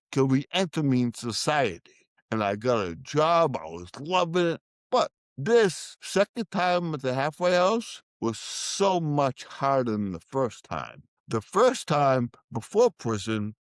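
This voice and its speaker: A man's voice: medium pitch, no echo. A middle-aged man, a guest telling his life story and acting out the quoted voices. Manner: emotional storytelling, acts out quoted dialogue. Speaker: podcast guest. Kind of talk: storytelling interview.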